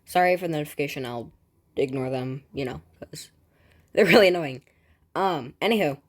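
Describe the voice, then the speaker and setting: A woman with a notably deep voice hosts a gaming channel in a loose, casual way. She reads news aloud, then drifts into excitable tangents, restarting sentences and padding them with filler words. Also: normal speed. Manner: excitable, jumps between reading and personal asides. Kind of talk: casual commentary while reading game news aloud.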